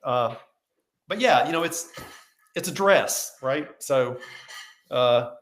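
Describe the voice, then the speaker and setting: A man co-hosting a podcast, telling stories in a casual, animated way and acting out the people he quotes. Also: mid-range voice, slow. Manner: animated storyteller, acts out quoted dialogue. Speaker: podcast co-host. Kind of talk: casual conversation, storytelling.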